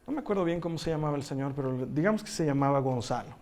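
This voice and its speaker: A man preaching a sermon through a personal story, shifting from hushed tones to loud bursts and laughing as he tells it. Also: on the high side, rapid-fire. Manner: animated storyteller who swings from hushed to loud. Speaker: pastor.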